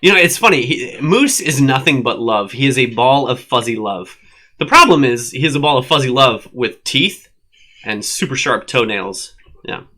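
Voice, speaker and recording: A man's voice: mid-range voice, animated, moderate pace, pushed and bright. A man co-hosting a live online show, chatting casually, teasing and laughing often. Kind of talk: casual banter. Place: at a desk at home with a dog.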